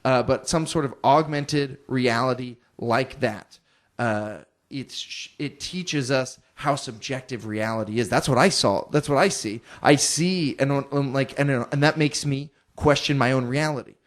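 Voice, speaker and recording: A man in a casual discussion, halting and repeating himself as he thinks aloud. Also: medium pitch, fairly even intonation.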